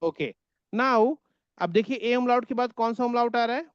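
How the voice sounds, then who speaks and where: A man's voice: very high-pitched, unhurried, clean tone, muffled recording. A man teaching a German class online in Hindi, patiently repeating words so his students can echo them.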